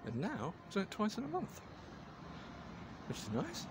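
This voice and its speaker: Walking through a garden with his phone held out, a vlogger in his forties rambles with wry, understated chatter. His voice sits high and swings hugely in pitch at a moderate pace, over background noise.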